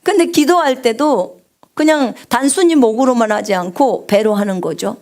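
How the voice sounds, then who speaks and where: A woman missionary preaching a live sermon on prayer, with a big resonant singer's voice, asking the congregation questions and swinging from loud cries to hushed whispers. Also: a little high, normal speed. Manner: asks the congregation questions and answers them.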